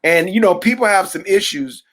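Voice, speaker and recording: A man's voice: high voice, lively intonation, moderate pace, fairly bright tone. Chatty male podcast host. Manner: chatty, eager questions. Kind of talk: casual interview talk.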